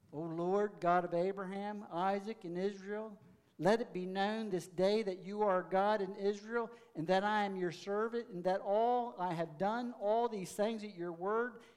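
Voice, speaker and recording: High-voiced man reading scripture in a sermon. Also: smooth. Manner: reads with rising, forceful emphasis. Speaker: pastor. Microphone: mic checked aloud.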